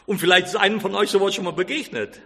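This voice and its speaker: A man's voice: high voice, fast, vocal fry, bright, forceful tone, big-room sound. A man preaching, telling a story in a sermon and acting out the characters' quoted lines with feeling.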